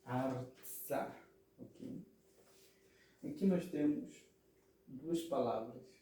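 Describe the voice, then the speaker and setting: A man's voice: medium pitch, slow pace, mellow, a little hiss or hum. A man teaching grammar patiently, repeating words and often checking that listeners follow. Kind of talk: explanatory lesson. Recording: very echoey room, mic at a distance.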